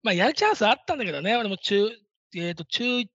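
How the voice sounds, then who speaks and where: A man's voice: high voice, expressive, quick pace, a bit bright, dry recording. A man in his fifties hosting a show, talking casually in a rambling, self-deprecating way. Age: 50s. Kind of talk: casual solo talk. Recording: dull lo-fi, dry sound.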